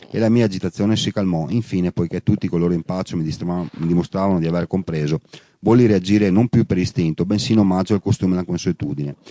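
A man's voice: deep voice, dark tone, no echo. A man reading a literary novel aloud in the first person, now and then correcting a slip as he goes. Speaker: audiobook reader. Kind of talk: literary audiobook narration.

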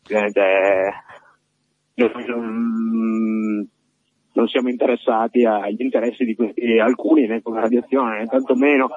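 A male field reporter comes through over the phone, his voice husky and a touch low. The line is dull and lo-fi and the sound is dry and close. He talks earnestly and halts often while he describes the scene. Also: steady tone, a little slow, a little mellow, no echo. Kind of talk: live on-the-spot report. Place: on location outside an occupied building.

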